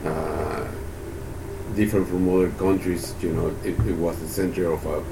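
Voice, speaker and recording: A man in his sixties from Peru, a Spanish speaker answering oral history questions about his life in a halting way with many restarts. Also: low-pitched. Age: 60s. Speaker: interviewee, university economist. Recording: steady background hiss.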